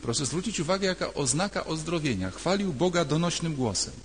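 Older priest preaching in echoing church. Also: male voice, fairly high pitch, animated, a little fast, slight background noise. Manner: conversational, emphatic with repeated phrases. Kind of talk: sermon. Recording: long church reverb.

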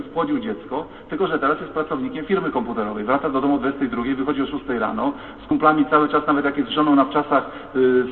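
Man, priest, emphatic sermon, distant mic, thin phone-like sound. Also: a little high. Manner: emphatic, rising to loud declamation. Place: church. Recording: echoey church heard from far, phone-like sound.

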